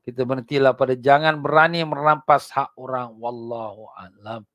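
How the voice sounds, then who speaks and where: A man with a Singaporean Malay accent giving a religious lecture in a mosque, swinging from loud emphatic points to hushed prayers. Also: mid-range voice, fairly even intonation, moderate pace, no echo, lo-fi sound. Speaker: religious teacher.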